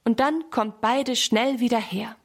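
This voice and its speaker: A woman voicing a patient, gentle mother in a children's story. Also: a little high, a little slow. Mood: kind. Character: calm, caring mother.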